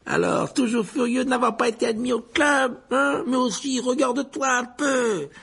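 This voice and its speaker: A man's voice: moderate pace, vocal fry, fairly bright tone, slightly rough, full character voice. A man voicing a hearty, boisterous headless ghost who roars and mocks in a storybook reading. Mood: boisterous mocking. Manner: roaring, booming laughter, mocking.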